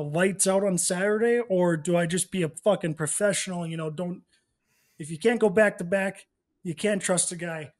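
High-voiced frat-bro man bantering. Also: darkish tone. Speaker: podcast co-host. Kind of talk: casual sports podcast banter.

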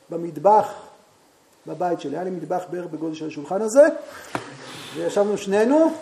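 A man with a high-sitting voice tells his Talmud class a story, pausing to put questions to the students and sometimes bursting out loudly and animatedly. There is slight background noise.

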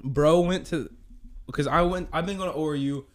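Casting: young male podcast host, slightly high voice, loose rambling chat. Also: normal speed. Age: young adult. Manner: rambling, says "dude" a lot. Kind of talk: casual chat.

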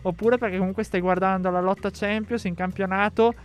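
A man's voice: high voice, fairly even intonation, brisk, clear, resonant tone, faint music behind. A man hosting a casual football discussion, talking conversationally and leading with questions to his co-panelists. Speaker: host of a football talk show.

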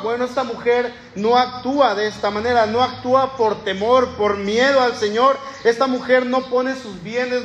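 A pastor preaches in a plain, conversational way, calling his listeners brothers. His voice sits high for a man. The sanctuary around him gives the sound a roomy echo with a faint hum behind it. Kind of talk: sermon. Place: church sanctuary. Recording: echoey church room.

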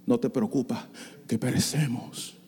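A male pastor preaching a sermon, swinging from hushed asides to loud bursts and slipping into English phrases. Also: medium pitch, steady tone, a little slow, breathy edge, in a large hall. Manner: code-switches with bursts of English. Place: church sanctuary.

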